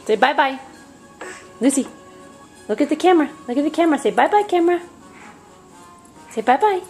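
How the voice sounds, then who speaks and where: A woman's voice: high voice, animated, brisk, a little mellow. A woman filming her toddler at home, coaxing her in repetitive, sing-song baby talk and laughing often. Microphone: handheld camera. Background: faint music.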